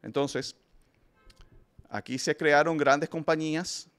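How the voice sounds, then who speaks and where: A man's voice: fairly high pitch, steady tone, takes it slowly, fairly bright tone, clean tone. A man hosting a film review show, giving opinionated casual commentary and speaking emphatically to his listeners, often restarting his sentences. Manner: emphatic, addresses listeners directly, frequent restarts.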